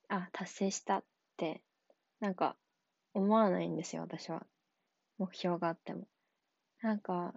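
A young adult woman talking casually on her own, relaxed and rambling, with many fillers and frequent laughs. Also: fairly low pitch, gravelly, slightly rough, no room sound, muffled recording. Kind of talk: casual solo talk.

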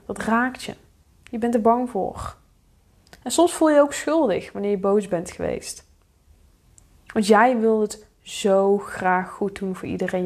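A woman hosting a solo podcast, talking straight to the listener in a direct, confronting way and dropping into a low mutter for inner thoughts. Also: darkish tone. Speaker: podcast host and coach.

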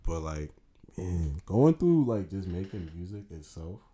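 A man's voice: low voice, sing-song, unhurried, dark tone, slightly rough. A man chatting casually in street slang as a guest on a podcast. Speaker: musician. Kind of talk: casual chat.

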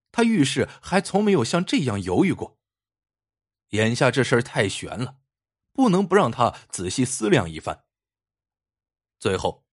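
A man narrating a folk ghost story in scripted storytelling, expressive with dramatic pauses. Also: mid-range voice, breathy edge.

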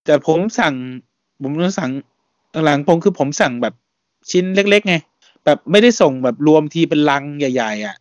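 A man hosting a casual podcast, talking in a relaxed, chatty way and laughing often. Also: on the high side, normal speed, no echo. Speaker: podcast host.

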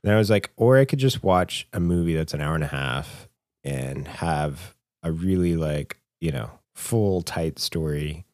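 In an unhurried, very deep and slightly mellow voice, a young man co-hosts a podcast. The conversation is casual and rambling, heavy on fillers and restarts, with clean, echo-free studio sound.

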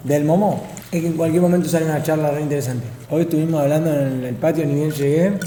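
Argentine man, warm voice in an echoey room. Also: a little high, fairly even intonation, quick pace. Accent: Argentine Spanish. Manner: rambling, teasing, turns emphatic when lecturing. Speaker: streamer host. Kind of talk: casual chat. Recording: echoey roomy space with faint noise.

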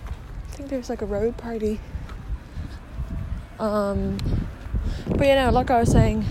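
Slow-talking woman, slight retainer lisp, outdoors. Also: a little high. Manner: hesitant, candid, with mild swearing. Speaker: podcast host. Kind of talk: casual confessional monologue while walking. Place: outdoors, on a muddy walk. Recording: noisy outdoor walking recording.

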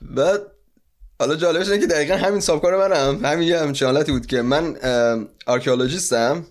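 Chatty young man with a slightly high voice. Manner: chatty, laughs while telling anecdotes. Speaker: podcast co-host. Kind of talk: casual podcast chat.

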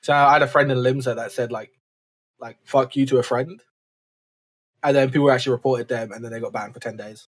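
Fast-talking husky man. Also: medium pitch, fairly even intonation. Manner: rambling, filler-heavy. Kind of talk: casual gaming chat.

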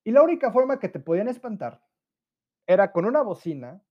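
Hosting his own laid-back podcast, a late-teen guy of nineteen speaks with a Mexican Spanish accent, slangy and talkative, laughing a lot and doing impressions of friends. He talks a little fast in a high voice with big pitch swings, and the recording is muffled.

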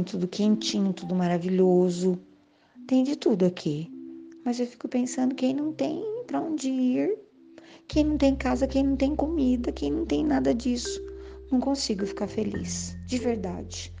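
An older woman, telling memories at home in a gentle, musing way, with soft laughs and little asides to the listener. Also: fairly high pitch, gravelly. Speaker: vlogger. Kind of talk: reflective storytelling monologue. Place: home, indoors.

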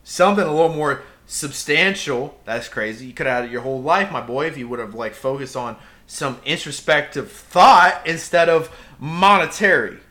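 A man in casual podcast chat, rambling and animated, swearing freely as he riffs on life and relationships. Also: fairly high pitch, moderate pace, few pauses.

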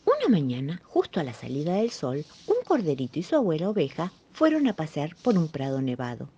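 A woman with a Rioplatense accent reading children's bedtime stories in an expressive, warm way. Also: sits low, brisk, husky, muffled recording. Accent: Rioplatense Spanish. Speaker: storyteller. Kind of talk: children's story narration.

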